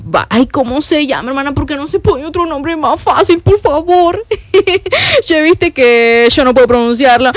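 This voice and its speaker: A woman's voice: sits high, dry recording. A Salvadoran woman in her fifties, a church worship leader chatting affectionately on a live stream, reading out viewers' comments and laughing often. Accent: Salvadoran Spanish. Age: 50s. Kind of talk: casual live-stream chat.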